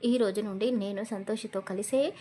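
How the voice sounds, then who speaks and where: A woman's voice: mid-range voice, fairly even intonation, normal speed, warm tone, slight background noise, close to an everyday voice. A woman doing a resentful young husband. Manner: resentful, complaining, demanding. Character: frustrated defiant young village husband.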